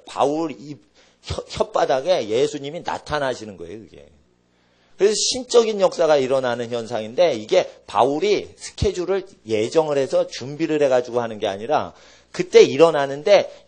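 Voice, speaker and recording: A man preaching from the pulpit with a somewhat high, very lively voice that rises and falls sharply. He moves from near-shouted exclamations down to low, quiet asides, in an animated sermon style. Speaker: pastor. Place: church sanctuary.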